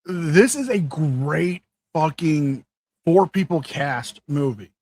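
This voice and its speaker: Man co-host, somewhat high pitch, dry sound, excitable, trips over names. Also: slow pace, no room sound. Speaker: podcast co-host. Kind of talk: casual chat.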